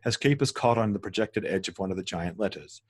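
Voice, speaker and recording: Reading stage directions at a table read, a man voices the scene headings and action straight from the script. He is low-pitched, brisk and slightly rough, tripping over words and fixing them as he goes.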